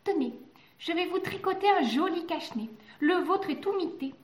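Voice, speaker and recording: A woman's voice: extremely high pitch, lively intonation, normal speed, voice pushed up. A woman voicing a small, kindly female ant from a storybook, sweet and polite. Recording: roomy echoey recording.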